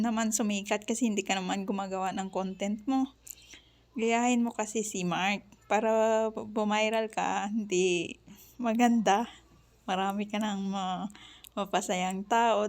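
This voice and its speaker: A woman's voice: mid-range voice, darkish tone. A woman with an Ilonggo accent telling a story in a casual vlog, laughing often as she talks while chopping onions. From Western Visayas, Philippines. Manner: chatty, laughs often while recounting a conversation. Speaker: vlogger.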